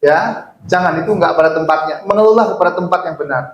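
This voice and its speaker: The man's voice sits high and he talks fast as he delivers a sermon in a church hall. He jokes with his congregation and puts questions to them, and the room's echo is clear on the recording.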